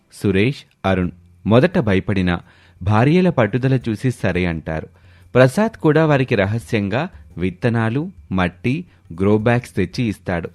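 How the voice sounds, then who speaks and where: A man narrating an animated family story in a steady, even storytelling manner. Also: medium pitch.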